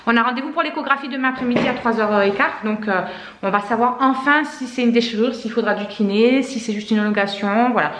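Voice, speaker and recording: A thirty-something mother rambles casually through her day at home for a vlog, packing her talk with fillers and "et cetera." Her voice is fairly high, quick, and a bit bright, and the family home indoors gives it a roomy echo.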